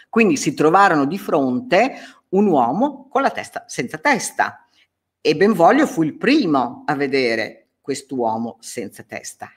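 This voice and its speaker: A woman teacher works through an English story line by line. She reads and explains at an unhurried pace, and her pitch rises and falls freely. Short pauses and restarts break up her explanations. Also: breathy edge. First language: Italian. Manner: slow, explaining line by line, with hesitations. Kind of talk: reading and translating a story in a lesson.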